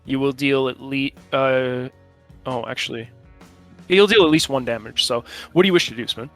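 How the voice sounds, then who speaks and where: Bright-voiced man running a tabletop game. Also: mid-range voice, soft background music. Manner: informal, halting while checking rules. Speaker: game master. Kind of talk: running a tabletop role-playing game, improvised narration.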